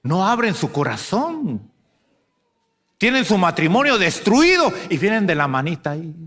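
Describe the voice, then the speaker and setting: A man preaching a sermon to a congregation, asking rhetorical questions and swinging between loud and hushed delivery. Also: sits high, huge pitch swings, moderate pace. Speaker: pastor.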